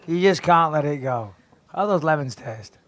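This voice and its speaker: A man's voice: fairly high pitch, expressive, normal speed, a bit bright. A male fighter doing cocky, needling trash talk.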